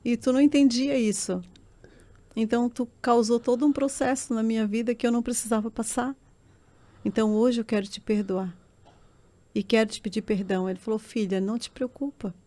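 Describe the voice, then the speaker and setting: A woman's voice: fairly high pitch, steady tone, a little fast, mellow. A middle-aged woman, giving an earnest and emotional personal testimony as a podcast guest. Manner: earnest, emotional storytelling that swells into tearful intensity.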